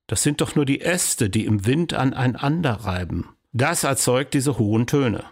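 Man doing a cautious storybook dad, scolding, a bit raised, gravelly. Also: medium pitch, animated, moderate pace. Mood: dismissive. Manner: scolding, dismissive. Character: cautious, fussy father, adult man. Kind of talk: storybook reading.

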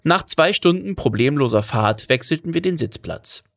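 A man's voice: a little high, lively intonation, moderate pace, creaky, no echo, clean studio sound. A man narrating a first-person audiobook story with a wry, self-mocking manner.

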